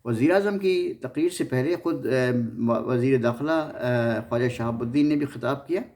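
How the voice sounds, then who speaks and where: In a darkish, mid-range voice at a moderate pace, this man hosts a loose, informal history series. His Pakistani accent comes through, and he regularly stumbles and repeats words.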